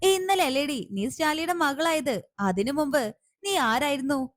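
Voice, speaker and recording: A scheming, scornful aunt from a retold family serial, put on by a woman narrator. She fires off taunting questions in a high voice, heard close and dry. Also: measured pace, dry recording. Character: scheming middle-aged woman, harsh and scornful. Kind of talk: serial recap with acted dialogue.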